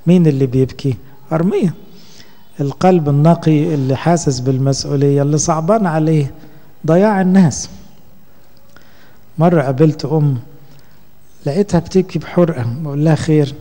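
A man with an Egyptian Arabic accent, a priest giving a conversational sermon and slowing down when he quotes scripture. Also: on the high side, dark tone, long reverb tail. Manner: conversational preaching, slow when quoting scripture.

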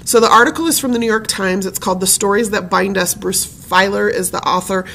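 Woman presenting at a family history talk, mid pitch, bit of vocal fry, lots of ums, chatty and personal. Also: brisk, fairly bright tone, slight background noise. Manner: chatty and personal, with frequent fillers. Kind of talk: conversational presentation.

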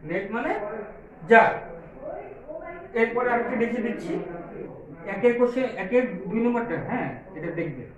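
A man's voice: very high-pitched, lively intonation, moderate pace, pauses often. A man with a Bengali accent teaching English to small children, spelling words out letter by letter and checking after each one whether they follow. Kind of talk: slow, drilled English lesson for small children. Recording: echoey room, far from the mic, noisy crowd behind.

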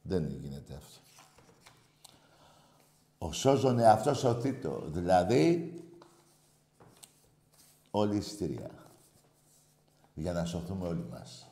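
A brash man hosting a call-in radio show, loudly insulting callers and boasting. His voice sits low but leaps up and down constantly. The room around him is echoey. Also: sing-song, pauses often. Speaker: radio show host taking calls.

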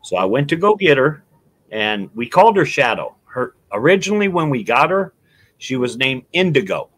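Middle-aged man, casual storyteller, very lively pitch. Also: moderate pace. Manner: storytelling, animated, acts out quotes. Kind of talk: casual chat.

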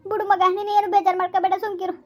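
An older village mother-in-law, played by a woman speaks fast and bluntly in a high, flat voice. She is firm and coaxing, consoling her daughter-in-law while cursing the gossips. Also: muffled recording. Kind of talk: village family drama acting.

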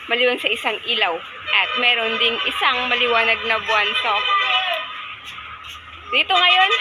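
A woman in her thirties, chatting casually while vlogging on a phone held at arm's length in an open farm shed at night. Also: fairly high pitch. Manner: chatty, mixes English and Tagalog. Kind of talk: casual vlog narration. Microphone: phone selfie at arm's length. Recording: loud outdoor background noise.

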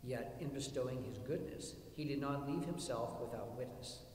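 A man leading Mass as a priest, reciting prayers and readings in a measured, solemn way. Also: mid-range voice, darkish tone, a little hiss or hum. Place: church. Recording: echoey church from a distance.

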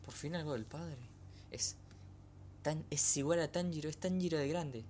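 A young man reacts live as an excited anime fan, exclaiming and repeating himself in casual commentary. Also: fairly high pitch, normal speed. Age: young adult. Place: small bedroom, indoors. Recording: noisy home webcam recording.

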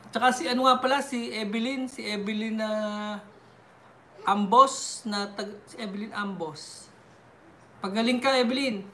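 A woman from the Philippines chatting casually as a vlogger, laughing often and giving shout-outs. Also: fairly high pitch, a little slow, a little hiss or hum.

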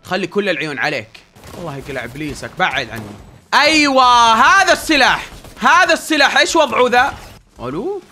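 A young man commentating his own gameplay, swinging between yelling and pleading in tense moments and quiet muttering when things calm down. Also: sits high, quick pace, slight background noise. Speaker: gaming YouTuber.

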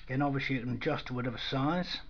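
A product demonstrator talks very fast at medium pitch, showing things hands-on at a workbench indoors in a casual, dry, matter-of-fact manner. The camera-mic audio is dull and lo-fi, with clear noise throughout.

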